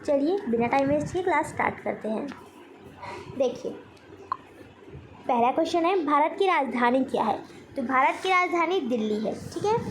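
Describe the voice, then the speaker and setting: Teaching exam students through a general knowledge quiz, an Indian-accented woman poses each question, then gives the answer and goes over key points again. Her voice sits high and expressive at normal speed, she pauses often, and the background is noisy.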